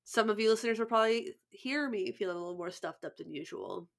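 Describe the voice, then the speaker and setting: A gravelly, quick-paced woman's voice at medium pitch belongs to a young adult podcast co-host. Sniffly and stuffed up, she rambles casually through stories, restarting many times.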